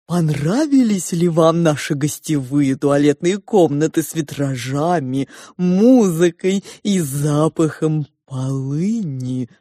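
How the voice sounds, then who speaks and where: Slow, dark-voiced pig lady, as a woman puts her on. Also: low voice, animated, no room sound, studio quality, exaggerated voice. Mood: ponderous. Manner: slow, ponderous, drawn-out speech. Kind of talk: audiobook character voice.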